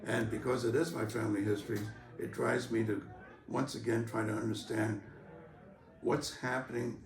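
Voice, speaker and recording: Older man, low voice, echoey crowded room. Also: gravelly. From San Francisco, USA. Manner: measured, many fillers and pauses. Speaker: interviewee, longtime organization member. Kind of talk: recorded interview. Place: convention venue, crowd behind. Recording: roomy, from a distance.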